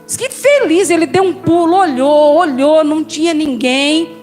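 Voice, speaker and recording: Woman, Brazilian accent, pastor, high voice, lively testimony storytelling, soft music underneath. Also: moderate pace. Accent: Brazilian Portuguese. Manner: lively storyteller, addresses listeners as brothers and sisters. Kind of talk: personal testimony in a sermon.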